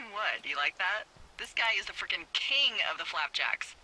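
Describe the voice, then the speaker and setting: An actress voicing a wry, teasing woman fire lookout who talks over the radio in a video game, playful and quick to laugh. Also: on the low side, expressive, noisy background, natural voice.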